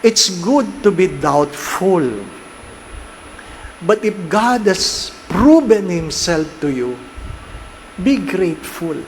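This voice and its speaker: A Filipino priest preaching a homily in a fairly high voice, taking his time with each phrase. He switches between Tagalog and English and keeps checking in with the congregation through questions. A faint hum of noise sits behind him. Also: very animated, extremely slow, pauses often, poor audio. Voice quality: mixes Tagalog and English, asks the listeners frequent rhetorical questions. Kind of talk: sermon.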